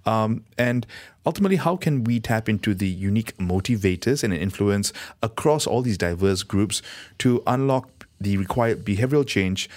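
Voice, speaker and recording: A man's voice: on the low side, animated, moderate pace, a little mellow. A man co-hosting a talk radio show, with casual banter and commentary. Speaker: radio co-host. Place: radio studio.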